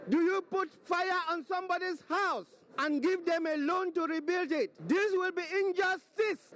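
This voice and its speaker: High-pitched man giving a rhetorical protest speech. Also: a bit bright. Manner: rhetorical, emphatic. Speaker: protest speaker. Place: crowded indoor conference hall. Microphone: handheld mic.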